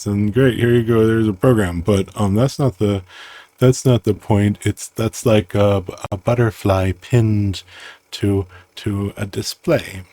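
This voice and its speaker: A man explaining his own programming system in a casual, rambling way, halting and restarting often, with a playful tone. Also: on the low side, warm tone, dry recording. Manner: halting, self-interrupting, playful, muses aloud.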